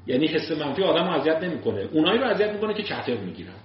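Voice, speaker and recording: A man's voice: a little high, big pitch swings, a little hiss or hum. A man giving a lecture on psychology, who acts out everyday examples as he talks. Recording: roomy, distant, dull sound.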